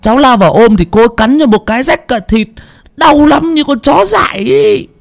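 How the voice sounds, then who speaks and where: A frantic young man shrieks high and breathless, stumbling over his words. The storybook figure sounds terrified and desperate. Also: lively intonation, fairly quick, gravelly, heavily acted. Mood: panicked. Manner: frantic, stammering yells.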